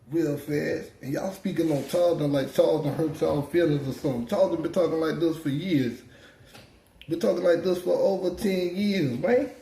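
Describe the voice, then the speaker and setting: Man, blunt street-talk commentary, repetitive rhetorical questions, mellow tone, echoey room. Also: on the high side, gravelly, slight background noise. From South Carolina. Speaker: YouTube show host.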